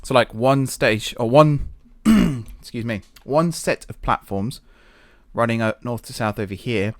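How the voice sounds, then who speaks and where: A man's voice: mid-range voice, unhurried, studio quality. A man giving casual gameplay commentary, thinking aloud in a self-deprecating way, recorded in an echoey, sparsely furnished office. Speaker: gaming video host. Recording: echoey room with little furniture.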